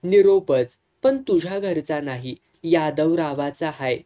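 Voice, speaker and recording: A reader voicing a calm, blunt older man messenger speaking rural dialect. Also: mid-range voice, a little slow, natural voice.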